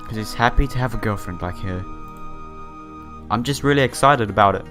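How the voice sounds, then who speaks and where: With game music in the background, a man with a sore throat does a casual playthrough, reading visual novel text aloud and adding his own comments. His voice is fairly low, fairly bright and a little fast, though sore and slightly broken.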